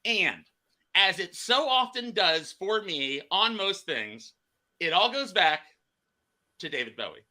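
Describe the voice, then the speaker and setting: Man, podcast host, rambling casual chat, slightly high voice, very bright tone. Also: very animated, slow pace. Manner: rambling, restarts phrases often.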